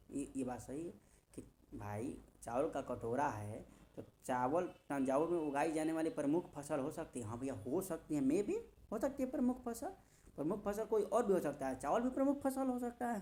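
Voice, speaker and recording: In an informal coaching session, a man who teaches maths and reasoning addresses his students directly and with emphasis, his voice fairly high and darkish in tone. He keeps repeating key phrases and poses questions only to answer them himself.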